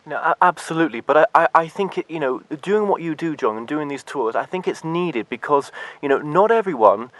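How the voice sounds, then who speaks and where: A man's voice: fairly high pitch, expressive, fairly quick, hardly any pauses, fairly bright tone. A man hosting an interview, asking questions hesitantly as he searches for his words. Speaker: interviewer host. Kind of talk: interview conversation.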